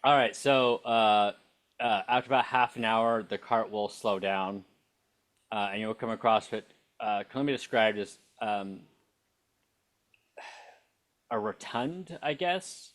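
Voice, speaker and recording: Man running a tabletop game, halting. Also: lowish voice, fairly bright tone. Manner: halting, searching for words with many fillers. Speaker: dungeon master.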